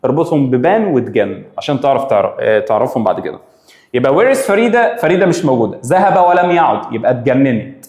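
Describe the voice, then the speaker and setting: A man's voice: medium pitch, fast, reverberant. A man with an Egyptian Arabic accent, teaching an English grammar revision lesson and repeating each rule as he drills it. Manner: lively, drills rules by repetition, mixing Arabic and English.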